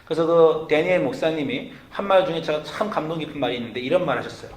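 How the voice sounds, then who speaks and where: A man's voice: fairly high pitch, quick pace, slight background noise. Man preaching in an echoey church. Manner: storytelling preacher who acts out quoted lines with sudden loud outbursts; asks the congregation questions directly. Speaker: pastor. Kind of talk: sermon. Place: church sanctuary.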